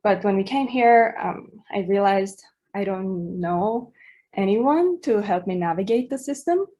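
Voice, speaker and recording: A woman's voice: medium pitch, expressive, measured pace, mellow. A woman, giving a talk to students in a hesitant way, with many fillers and small laughs. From Iran. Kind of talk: presentation to students.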